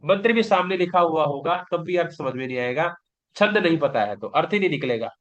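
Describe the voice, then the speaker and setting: A man with a slightly high voice and lively intonation teaches a yoga exam-prep lecture at a fairly quick pace. He explains patiently, often asking and answering his own questions, in a dull, lo-fi class recording.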